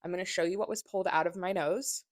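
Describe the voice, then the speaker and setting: Blunt, low-voiced woman vlogger. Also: steady tone, quick pace. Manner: candid and blunt, with swearing. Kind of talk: casual personal vlog.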